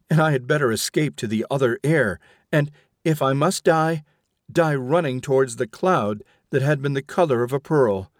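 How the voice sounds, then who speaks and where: A haunted young rebel recounts his ordeal in earnest, dramatic first person, voiced by a man reading an audiobook. The voice sits in a middle male pitch. The recording is dry and close. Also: no room sound, lightly acted.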